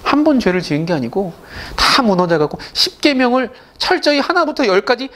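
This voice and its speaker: A man's voice: very high voice, fairly quick. A male pastor retelling a Bible story in a casual, chatty sermon, acting out the characters' lines as he goes. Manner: lively, acts out characters' lines.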